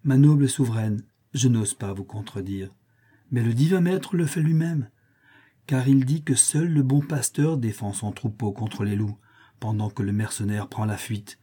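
A man's voice: medium pitch, fairly even intonation, normal speed, warm tone, breathy edge, close to an everyday voice. A man voicing a devout young Gothic woman attendant, earnest and pleading in a fervent, preaching tone.

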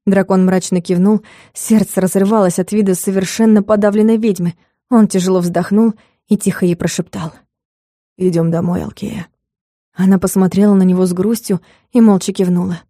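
A woman narrating a comic fantasy audiobook in a measured, expressive way. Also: medium pitch, dry recording, clean studio sound.

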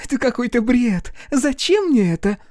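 A man's voice: sits high, sing-song, measured pace, warm tone, no room sound, clean studio sound, pitched above the performer's own voice. A man reading a story aloud, voicing a jealous young fiancée who squeals her accusations. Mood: indignant.

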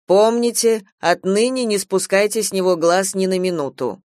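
A woman's voice: mid-range voice, moderate pace, a little mellow, no room sound, close to an everyday voice. A stern doctor hands down a reprimand, as a woman narrator voices him. The delivery is plain and firm in a dry, close sound. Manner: stern, admonishing. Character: stern disapproving male doctor, middle-aged.

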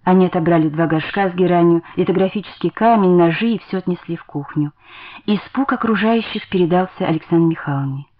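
A woman narrating a literary story in a measured, expressive dramatic reading. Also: lowish voice. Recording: muffled lo-fi radio recording.

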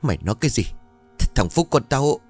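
A man voicing a grieving elderly village father who turns weary and blames himself, his voice low and mellow over faint music. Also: animated, normal speed. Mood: distraught. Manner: anguished, then weary and self-blaming.

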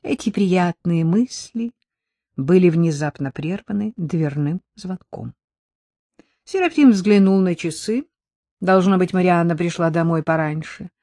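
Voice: mid-range voice, lively intonation, unhurried, mellow, no echo. Wry audiobook narrator, dry close sound. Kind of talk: scripted narration.

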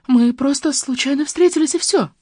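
A man voicing a scheming, frightened woman in an audiobook, high and whiny as she pleads. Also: animated, fairly quick, no echo, studio quality. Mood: pleading. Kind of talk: audiobook character reading.

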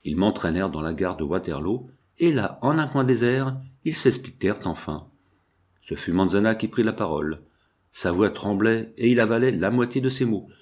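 A man reading a first-person novel aloud in a steady, measured way, lifting his tone for the quoted speech. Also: on the low side. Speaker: audiobook reader. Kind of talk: scripted first-person narration.

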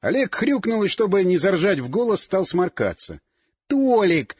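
Husky animated male storyteller. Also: high-pitched, moderate pace, no room sound, studio quality. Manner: lively, animated reading. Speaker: audiobook narrator. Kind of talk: expressive audiobook narration.

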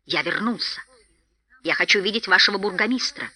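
A woman's voice: mid-range voice, brisk, pushed and bright, no echo. A woman voicing a proud dwarf king who speaks in a stately, declaiming way.

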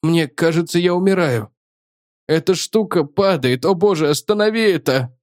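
A man's voice: fairly high pitch, normal speed, darkish tone, no room sound, voice pushed up, close to an everyday voice. A queasy young rocket crewman whining in a raised, strained voice, as a male reader puts him on. the recording is dry and close, with no room sound, like a storybook read in a booth. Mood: panicky. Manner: whining, groaning. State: queasy and weak. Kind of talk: audiobook character voice.

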